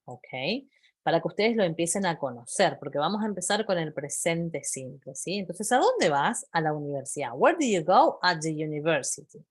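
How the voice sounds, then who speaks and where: A woman's voice: deep voice, expressive, moderate pace, breathy edge. A woman teaching English vocabulary, patiently repeating phrases and checking in with her students. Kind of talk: explaining vocabulary to a class.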